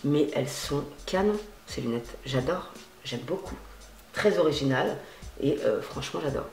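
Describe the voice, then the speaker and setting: A woman vlogging a clothing haul in a chatty, slangy way, swearing freely and swinging between loud and quiet. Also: a bass voice, animated, moderate pace, creaky, reverberant. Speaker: beauty and fashion vlogger. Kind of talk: casual haul vlog.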